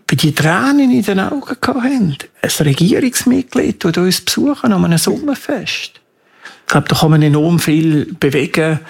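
Male campaigner interviewee, Swiss German accent, creaky rasp, slightly high voice, earnest and emphatic. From Switzerland.

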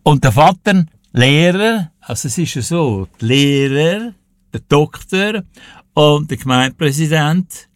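This octogenarian Swiss German from Switzerland, a music presenter appearing as a radio guest, recounts anecdotes from his life in a casual, conversational interview. He sounds a little high, expressive and unhurried. The sound is clean and dry, studio quality.

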